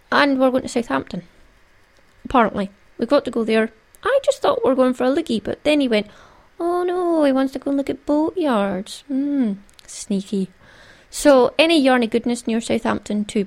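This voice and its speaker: A woman's voice: fairly high pitch, gravelly. A Scottish woman hosting a solo craft podcast in a playful, conversational, jokey way. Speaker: podcast host.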